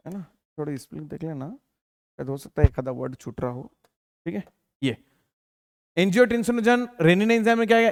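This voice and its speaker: A man's voice: high voice, no room sound, clean studio sound. A man teaching a biology exam-prep lesson. He asks his students questions, answers them himself, and keeps repeating the key terms with lots of fillers. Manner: calls listeners beta, many fillers like theek hai. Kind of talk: Hindi exam-prep lecture.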